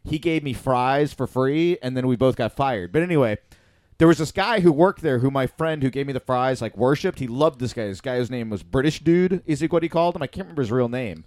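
A man's voice: medium pitch, expressive, brisk, darkish tone, no echo, studio quality. Rambling man telling a story. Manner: rambling storyteller, many fillers and restarts. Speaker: podcast host. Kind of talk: casual chat.

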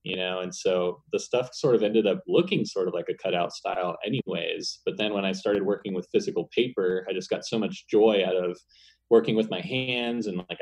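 A man with a fairly low voice talks casually about his craft as an animator. He rambles in a relaxed way, trailing into laughs often. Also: rough recording. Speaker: paper cutout animator, guest. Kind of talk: casual conversation.

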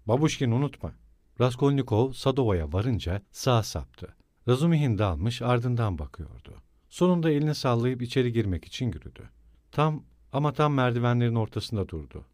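A man narrating a classic novel in steady, even scripted narration. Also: mid-range voice, a little fast, no echo, studio quality. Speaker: audiobook narrator.

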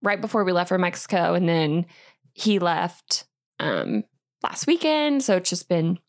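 A woman's voice: on the low side, big pitch swings. A woman guest on a podcast, telling a story in casual chat, laughing often and stopping and starting. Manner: laughing, halting, quick bursts.

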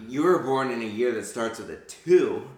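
A man's voice: medium pitch, expressive, normal speed, a little mellow, reverberant. A man in his thirties, podcast co-host, trading dry, teasing quips in casual chat.

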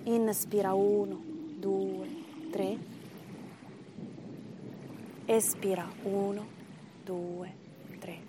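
A woman leading a guided breathing meditation as instructor, in short measured phrases and counts with pauses between them. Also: mid-range voice, flat delivery, background noise.

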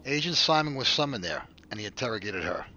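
A man's voice: medium pitch, expressive, fast talker, pushed and bright. An actor playing a tough male interrogator who presses hard and gives orders in an amateur audio drama. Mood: briefing. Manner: firm, pressing and commanding. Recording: dull lo-fi recording.

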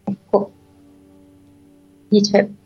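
A woman retelling a fantasy story in an unhurried way, pausing often with filler sounds and reading passages aloud from the book. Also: dark tone. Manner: unhurried, pauses often with filler sounds while she explains. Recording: dull lo-fi recording with faint music.

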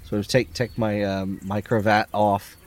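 A man's voice: on the low side, little pitch movement, a little slow, soft background music. A man playing a tabletop horror game, describing his character's actions in a wry, hesitant way. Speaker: player.

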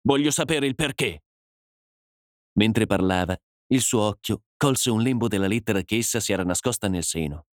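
A man narrating a dramatic story as an audiobook, in a measured, dramatic way. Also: fairly low pitch, no room sound, studio quality.

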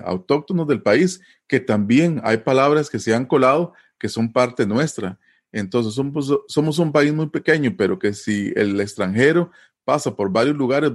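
A man with a Costa Rican Spanish accent speaks as a guest in a conversational interview. His voice sits at a medium pitch. He explains things informally and often adds a short tag question to check that he is followed. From Costa Rica.

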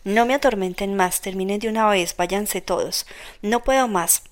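A woman's voice: medium pitch, moderate pace, close to an everyday voice. A woman reading the lines of a feverish, irritable young male student in curt, insistent speech.

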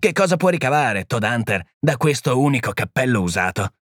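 A man's voice: mid-range voice, sing-song, brisk, a bit bright, no room sound, studio quality, pitched above the performer's own voice. A man reading the part of a proud, impatient criminologist who talks brusquely and with scorn. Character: proud, impatient middle-aged male criminologist. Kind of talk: audiobook reading.

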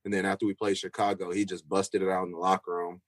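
A man's voice: deep voice, little pitch movement, fast, no echo, low-quality recording. A young man, a football player, answering interview questions casually with lots of fillers and restarts. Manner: loose, rambling, with many fillers and restarts.

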